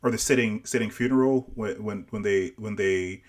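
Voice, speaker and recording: A man's voice: fairly low pitch, normal speed. A man with family roots in Barbados, co-hosting a casual show review over a livestream. He talks with many restarts and repeated words. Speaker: show co-host.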